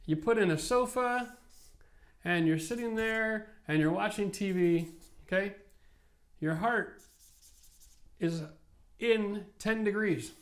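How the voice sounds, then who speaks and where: Emphatic Canadian renovation host at a whiteboard. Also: male voice, high voice, takes it slowly, long pauses. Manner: animated, emphatic, rising to passionate rants. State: tired. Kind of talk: casual whiteboard explainer. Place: studio set with whiteboard, indoors. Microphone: lapel mic.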